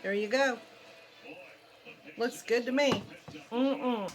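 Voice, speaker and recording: A mature woman talks in a fairly high voice. She is folksy and chatty, addressing viewers directly as she walks them through home cooking in a casual way. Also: slow, noisy background. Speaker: home cook vlogger. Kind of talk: casual cooking demonstration chat.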